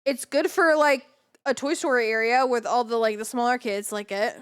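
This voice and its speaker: A woman's voice: on the high side, moderate pace, clean tone. A woman chatting casually on a livestream as a variety game streamer, with a bubbly, cute anime-streamer delivery.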